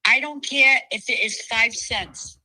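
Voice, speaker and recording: Caller on speakerphone: woman, bright and slightly high, soft-spoken and heartfelt. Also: unhurried, dry recording, low-quality recording. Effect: heard over a speakerphone. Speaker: guest calling in to a fundraiser stream. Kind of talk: casual chat.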